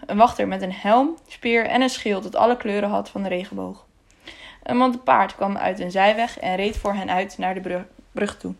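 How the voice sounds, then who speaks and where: A woman narrating a children's novel as an audiobook in a calm, measured way. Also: mid-range voice, vocal fry.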